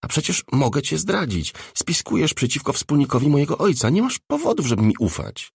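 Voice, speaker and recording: An earnest, wary young girl who speaks hesitantly, put on by a male audiobook reader. The voice lifts well above his own, with a husky grain kept close and dry. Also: fairly high pitch, sing-song, a little fast, no echo, voice pushed up, full character voice. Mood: anxious.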